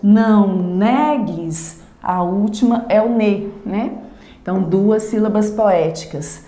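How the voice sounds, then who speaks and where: A woman teacher gives an online lesson, stretching words slowly syllable by syllable as she explains. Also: mid-range voice, mellow, roomy sound.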